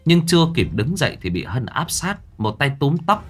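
A man narrating a story in a dramatic, animated way. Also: a little high, moderate pace, slightly rough. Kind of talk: scripted storytelling.

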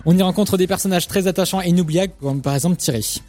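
A man's voice: high voice, fast, darkish tone, faint music behind. A man co-hosting a student web radio show, reading a media segment in a chatty way and joking with his co-host.

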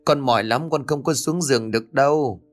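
A man's voice: medium pitch, fairly quick, no room sound, soft background music, close to an everyday voice. A man voicing a sickly young woman who murmurs weakly in an audio horror story. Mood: faint. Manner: weak, murmuring.

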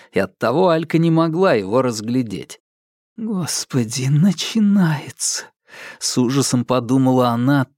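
Audiobook narrator, man, steady tense thriller read, dry close sound, mid pitch. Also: no room sound. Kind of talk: scripted narration.

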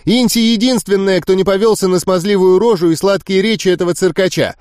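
A man's voice: high voice, lively intonation, brisk, a little mellow, dry recording, studio quality, voice pushed up. A man voicing a haughty, mocking teenage girl witch who sneers and accuses. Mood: scornful.

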